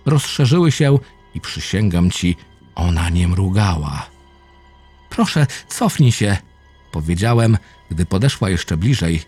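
A man reading a first-person horror story aloud, low and intense with dramatic swings. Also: lively intonation, measured pace, a little mellow, husky. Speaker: narrator. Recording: faint music behind the voice.

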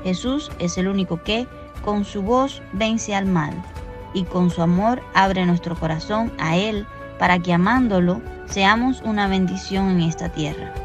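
A woman of ordinary pitch reads a devotional reflection in a calm, measured way. The recording is a little dull and lo-fi, with soft music playing underneath. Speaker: reader of a Gospel reflection. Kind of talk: scripted devotional narration.

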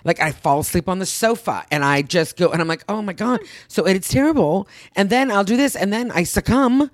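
Casting: middle-aged woman, chatty co-host, animated rambling storyteller, dry close sound. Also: mid-range voice, fairly quick, dry recording. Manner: rambling, animated storytelling, acts out her own thoughts, swears casually. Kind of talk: casual chat.

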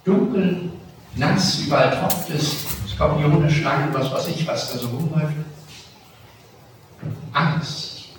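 A man pastor giving a lively sermon, slowing down on key phrases and swelling loud at times, recorded in a large church hall. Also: a little high, slight background noise. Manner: lively preaching with slow, stressed phrases and sudden swells in volume. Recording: very echoey church from a distance.

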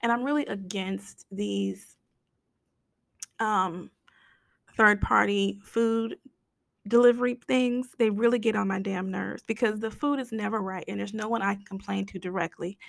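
An American woman hosting a casual solo podcast rant, hoarse with her voice nearly gone, raspy and whispery, speaking bluntly. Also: mid-range voice, fairly even intonation, normal speed, no echo, clean studio sound. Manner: blunt, complaining, mildly sweary. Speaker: podcast host.

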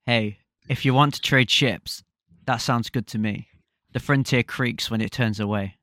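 This is a spacefarer bargaining his way out of a pirate standoff, read by a man in his own voice. The line reading is plain and low-pitched, close to the speaker's ordinary talk, and recorded dry. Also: normal speed, no echo, lightly acted. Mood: calm. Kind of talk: playful podcast role-play reading.

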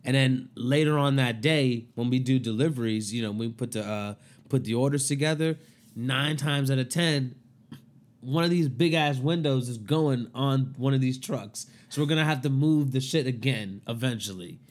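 A man's voice: medium pitch, normal speed. Loose, profane young man chatting. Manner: loose and profane, often laughing between phrases. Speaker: podcast co-host. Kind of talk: casual chat.

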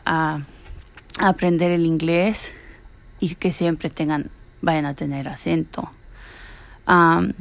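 A woman's voice: lowish voice, creaky. A young woman talking through her views on an article, hesitant, with many fillers and restarts. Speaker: student podcaster. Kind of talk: casual spoken reflection on an article.

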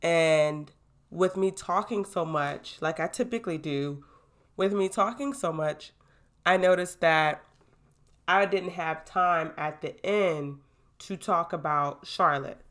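A young woman hosting her own podcast, talking casually in an animated, hype-building way into a new microphone. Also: fairly low pitch, slow. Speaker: podcast host. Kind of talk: casual solo podcast talk.

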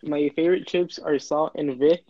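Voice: mid-range voice, fairly even intonation, normal speed, dark tone, dry recording. A speaker chatting casually with friends in a group. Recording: dull lo-fi mic, faint noise, clicks.

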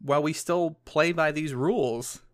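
A man's voice: fairly high pitch, measured pace, smooth, dry recording, studio quality. A man in a casual academic discussion, talking thoughtfully and analytically with some hedging.

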